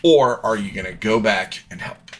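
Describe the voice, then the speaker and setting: A man running a tabletop game as dungeon master over a voice call, narrating in a halting, playful way with many fillers. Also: fairly low pitch, background noise. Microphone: voice call mic.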